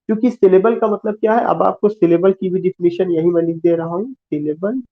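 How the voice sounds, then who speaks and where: A man giving a classroom lecture, explaining slowly, repeating key terms and asking rhetorical questions. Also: high-pitched, steady tone. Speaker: teacher. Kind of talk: classroom lecture mixing Hindi and English. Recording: tinny phone-like sound.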